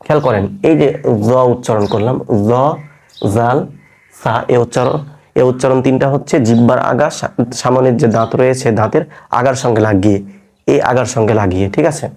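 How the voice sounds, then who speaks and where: Male teacher, mid-pitched, patient, drills letters slowly and repeats them for an online Quran class. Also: darkish tone. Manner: asks students questions and answers them himself. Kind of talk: online lesson.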